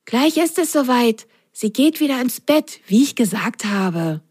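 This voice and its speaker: A woman voicing Ron, a cautious and calm little boy sock in a children's storybook, speaking in a hushed, reassuring way. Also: fairly high pitch, unhurried, slightly rough, pitched above the performer's own voice, full character voice.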